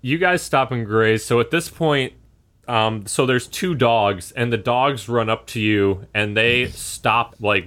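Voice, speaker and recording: A man narrating a tabletop game as game master, relaxed and hesitant with many fillers. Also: lowish voice, slight background noise.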